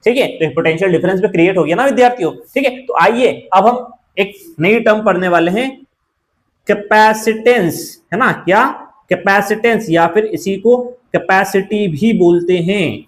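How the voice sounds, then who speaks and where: A high-pitched man lecturing on physics in a classroom manner, mixing terms into his explanations. He keeps asking his students whether it is clear and repeats key points. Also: normal speed, hardly any pauses, low-quality recording. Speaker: physics teacher.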